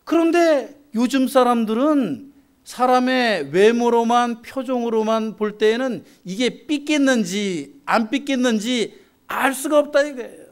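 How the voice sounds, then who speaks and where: A man preaching a sermon as pastor, measured and asking the congregation rhetorical questions. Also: extremely high pitch, expressive. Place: church sanctuary.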